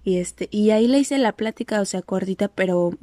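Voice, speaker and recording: A woman from Mexico, speaking with a Mexican accent, hosts a podcast and tells a personal story in a casual monologue full of fillers and restarts. Her medium-pitched voice is warm and brisk, with no room sound.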